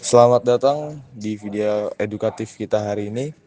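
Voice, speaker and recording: A man's voice: on the low side, normal speed, warm tone, faint music behind. A man student reading an educational video introduction, announcing points like a list. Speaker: student presenter.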